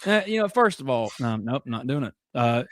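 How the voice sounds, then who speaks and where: A man in his thirties, a podcast guest telling loud animated stories in casual chat, laughing often. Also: mid-range voice, normal speed, dry recording, clean studio sound. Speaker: podcast guest, sports commentator.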